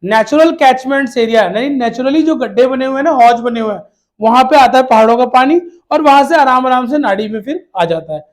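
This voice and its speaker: In a fairly quick, very high-pitched voice, a male teacher gives children an exam-prep lesson. He asks questions and answers them himself, repeats key words, and calls his students "beta" in a fatherly way.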